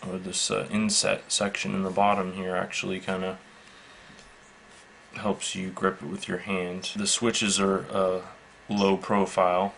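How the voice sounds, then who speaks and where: Faint noise sits behind a man whose gravelly voice is low and even as he walks through a product, unscripted and relaxed. The product reviewer's delivery is matter-of-fact, slow, measured and halting.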